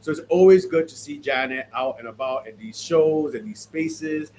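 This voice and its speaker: Chatting about fashion looks on his podcast, a man sounds stuffy and sniffly from allergies yet remains animated and chatty, leaning on many fillers. He speaks in a mid-range voice at normal speed, and the audio is poor with slight background noise.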